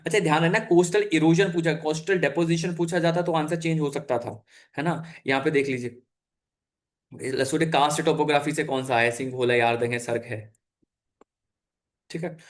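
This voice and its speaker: Man, young adult, chatty exam-coaching teacher, slightly high voice, rambling with fillers. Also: steady tone, normal speed. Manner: chatty, frequent fillers and self-corrections, mixes in English terms. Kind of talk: casual Hindi lecture over slides.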